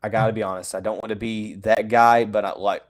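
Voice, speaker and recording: Poor audio captures a man's low, fairly even voice moving a little fast as he hosts a casual sports podcast monologue. Opinionated and frank, he says he calls it as he sees it, stumbling through restarts and "you know" fillers while fighting the hiccups.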